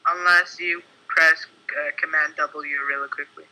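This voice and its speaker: A man's voice: on the high side, flat delivery, measured pace, pushed and bright, poor audio. A man joining a casual live-stream chat as a guest, joking and playful.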